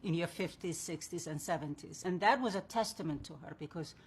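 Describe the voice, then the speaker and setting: A woman's voice: lowish voice, a little fast, husky. Earnest woman in her fifties. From Somalia. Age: 50s. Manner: earnest, speaks from personal experience. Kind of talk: personal reflection in a clip.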